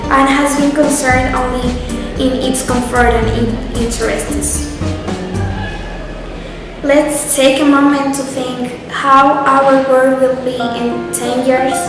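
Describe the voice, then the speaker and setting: A teenage girl from Ecuador with an Ecuadorian Spanish accent, a Spanish speaker giving an earnest, persuasive prepared speech in English as a student contest entry. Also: high voice. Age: teens. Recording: very echoey hall with music behind.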